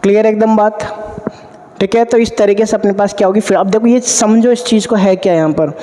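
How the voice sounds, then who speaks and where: Male physics teacher, high and mellow-toned, drills the class with call-and-answer questions; long hall reverb. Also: fairly even intonation, a little fast. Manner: addresses students warmly as 'beta'. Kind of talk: classroom lecture at a board.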